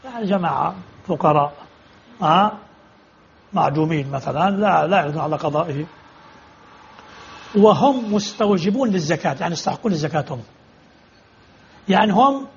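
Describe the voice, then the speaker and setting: A man's voice: fairly high pitch, expressive, fast talker, gravelly, long pauses, husky, highs cut off. A man teaching religious law in a lecture, explaining with repeated examples and rhetorical questions as he answers students.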